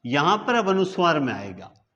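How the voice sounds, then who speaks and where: A very animated man from India, his voice on the high side with a fairly bright tone, teaches grammar live online at a normal speed. He draws out words syllable by syllable at the board and keeps asking rhetorical questions to see if students follow. The recording is muffled.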